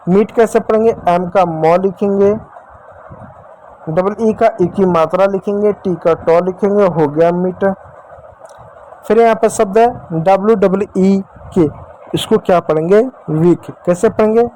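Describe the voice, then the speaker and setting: A man's voice: high voice, a little slow, warm tone, a little hiss or hum, low-quality recording. A man teaching English spelling and phonics in Hindi, asking questions and answering them himself, repeating each step and calling his viewers dear children.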